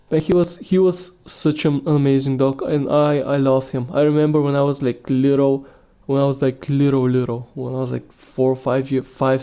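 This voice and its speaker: A man's voice: mid-range voice, dark tone. A man hosting a solo podcast, talking casually and rambling with many restarts and fillers. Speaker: podcast host.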